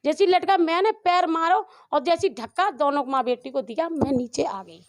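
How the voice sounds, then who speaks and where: In this street interview, the mother of a dowry abuse victim, a middle-aged woman, pours out a rambling, emotional story to a reporter and often starts sentences over. She speaks at normal speed in a high voice, and the recording is dry and studio-clean.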